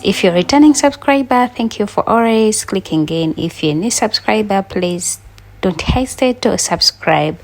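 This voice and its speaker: A woman with a Ugandan accent talks her viewers through cooking a simple breakfast, keeping up a chatty commentary at an easy, unhurried pace. Her pitch sits in the middle for a woman. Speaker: cooking vlogger. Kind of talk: casual cooking vlog.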